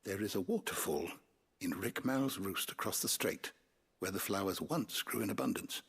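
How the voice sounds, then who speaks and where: A man's voice: low-pitched, expressive, fairly bright tone, slightly rough, exaggerated voice. An actor playing a learned, courtly man who speaks in a formal, old-fashioned way in game dialogue. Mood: earnest. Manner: measured, formal, archaic phrasing.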